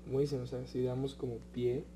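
A man's voice: mid-range voice, level tone, fast, over a noisy crowd. A young man with a Mexican accent, a reality show contestant talking hesitantly with many fillers in casual chat. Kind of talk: casual chat among housemates.

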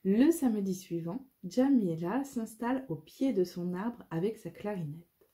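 A woman reading a children's audiobook, lively and expressive. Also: medium pitch, unhurried, breathy edge. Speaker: storyteller.

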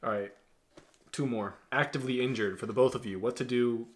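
A man in his twenties hosting a relaxed Q&A from a dim bedroom, joking around and giving blunt, direct advice. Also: medium pitch, brisk, a little hiss or hum. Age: 20s. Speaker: host. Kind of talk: casual Q&A chat.

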